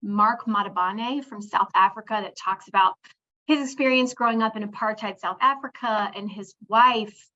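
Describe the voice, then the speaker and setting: A woman in her forties from Pittsburgh speaks reflectively in a webinar over a video call. Her voice is bright and forceful, with fillers and restarts throughout. The audio comes across dull and lo-fi. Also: mid-range voice, moderate pace. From Pittsburgh, United States. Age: 40s. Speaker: webinar presenter. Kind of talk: presenting a professional webinar.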